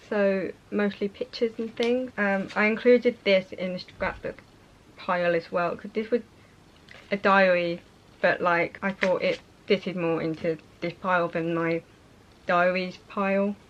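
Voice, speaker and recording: A woman's voice: medium pitch, fairly even intonation, takes it slowly. A young British woman chatting casually and a little hesitantly as she shows things to viewers in a vlog. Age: young adult. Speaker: vlogger. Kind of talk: casual show-and-tell chat. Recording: muffled sound with faint noise.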